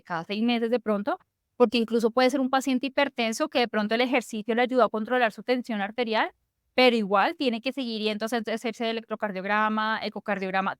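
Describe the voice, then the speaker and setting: A woman's voice: a little high, clear, resonant tone, no echo, clean studio sound. A woman physician, explaining at length in a conversational interview, with frequent fillers and restarts.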